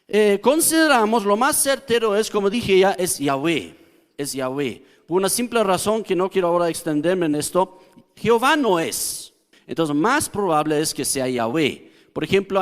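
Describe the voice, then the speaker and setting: A male pastor delivers a teaching sermon, his voice sitting fairly high for a man. He explains slowly and carefully, often turning to the congregation with a quick question. The sound carries a long reverb from the church hall around him.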